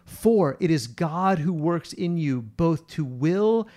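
A man with a fairly high voice talks through Bible passages with a podcast partner. He is earnest and emphatic and leans on repetition to press his point home. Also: animated, slow, warm tone. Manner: earnest, emphatic, repeats words for stress. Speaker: podcast co-host teaching on scripture. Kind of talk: conversational Bible teaching.

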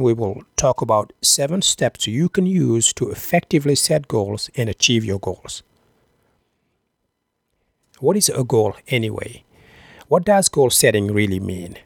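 A man hosting a podcast, giving a scripted motivational talk with deliberate phrasing and rhetorical questions. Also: medium pitch, no echo, clean studio sound. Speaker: podcast host.

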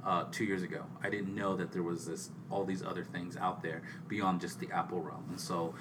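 A man's voice: sits low, level tone, a little fast, recorded from a distance. A man co-hosting a podcast in casual chat, rambling along with frequent restarts. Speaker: podcast co-host. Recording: off-mic with faint background hiss.

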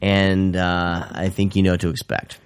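Laid-back low-voiced man on a podcast. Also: flat delivery, normal speed, clean tone, no echo. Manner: laid-back, joking, swears casually. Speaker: podcast co-host. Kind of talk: casual chat. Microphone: remote call.

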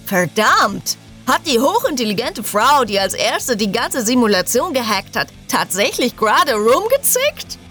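A woman's voice: on the high side, big pitch swings, unhurried, fairly bright tone, faint music behind. A woman voicing Gilroy, a cheerful, playful young superhero man in an audiobook. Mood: teasing.

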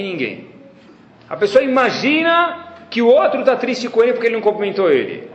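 A man's voice: high voice, dull audio. A man, a rabbi giving a lecture with anecdotes and acting out dialogues. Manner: animated storytelling, acting out dialogues. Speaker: rabbi teaching a class. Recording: roomy echo.

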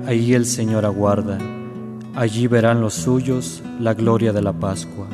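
A man reciting liturgical verse as a lector, solemnly and declamatory, phrase by phrase. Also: medium pitch. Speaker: lector reciting the Easter sequence. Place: large reverberant church. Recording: reverberant hall with plucked guitar. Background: plucked guitar music.

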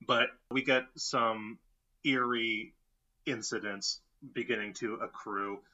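A man co-hosting a horror film podcast in casual chat, wry and quick to laugh. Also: on the low side, fairly even intonation, pushed and bright, lo-fi sound. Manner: wry, laughs often, puts on mock voices. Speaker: podcast co-host.

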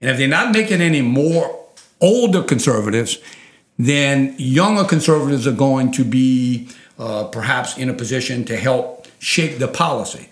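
Low-voiced man with a thick Cajun accent. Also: lively intonation, moderate pace, reverberant. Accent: thick Louisiana Cajun. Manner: emphatic, repeats phrases for weight. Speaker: interview guest, oil industry advocate. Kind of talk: conversational interview, persuasive explaining.

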